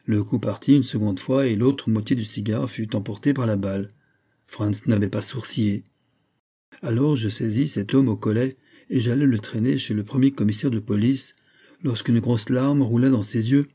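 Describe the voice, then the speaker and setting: A man reading a nineteenth-century short story aloud as a steady, measured audiobook narration. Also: medium pitch, husky. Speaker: audiobook reader. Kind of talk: scripted narration.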